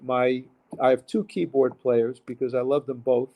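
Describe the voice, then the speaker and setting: Gravelly New man in conversation. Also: medium pitch, fairly even intonation, normal speed, darkish tone. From Queens, New York. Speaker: interview guest, musician and bandleader. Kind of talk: casual interview conversation.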